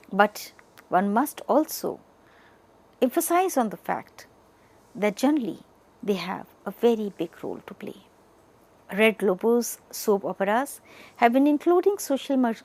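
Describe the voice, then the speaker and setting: A woman delivers an educational lecture, partly reading from notes, in deliberate, short, emphatic chunks. Her voice is on the high side with a darkish tone.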